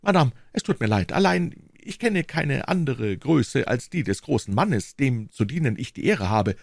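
A man's voice: medium pitch, sing-song, moderate pace, gravelly, no echo, studio quality, voice pushed up. A man reading aloud and voicing a touchy, greedy male shopkeeper who talks pompously and indignantly, in a raised voice. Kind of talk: audiobook reading.

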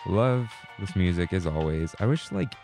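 A man's voice: low voice, moderate pace, soft background music. A man, co-hosting a podcast in casual chat and telling stories with lots of laughter. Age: 20s. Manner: animated, laughing storyteller. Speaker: podcast co-host.

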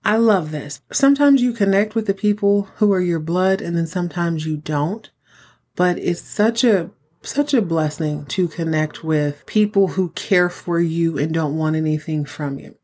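A woman's voice: on the low side, a little slow, a little mellow. A woman hosting a casual TV recap podcast, chatty and campy, with theatrical, dramatic emphasis. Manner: theatrical, campy show-host delivery. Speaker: podcast host.

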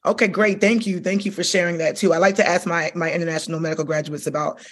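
A woman's voice: fairly low pitch, steady tone, fast. Woman podcast host, enthusiastic, chatty, conversational interview delivery. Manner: enthusiastic, chatty, repeats "okay?" and "like".

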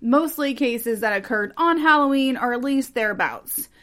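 Higher-voiced American woman, true crime narrator. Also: lively intonation, moderate pace, a bit bright. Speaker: podcast host. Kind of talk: true crime podcast narration with casual chat.

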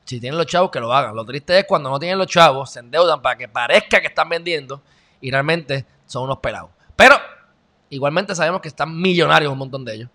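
A man hosts an online show, sarcastic and animated as he comments on the news and talks right to his viewers. His voice sits fairly high and has a gravelly edge. It sounds bright and forceful. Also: fast talker. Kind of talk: casual commentary reacting to news.

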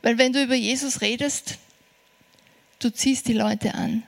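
A woman preaching a sermon, earnest and encouraging, slowing down for emphasis. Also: on the high side, steady tone, vocal fry.

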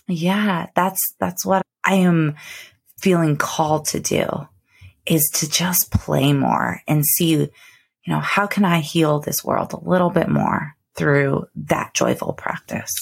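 A woman hosting a solo podcast in a casual, intimate, reflective way, recorded close up in a bedroom, drawing out words with pauses. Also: sits low, vocal fry, husky. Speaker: podcast host. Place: cozy bedroom, recording from bed.

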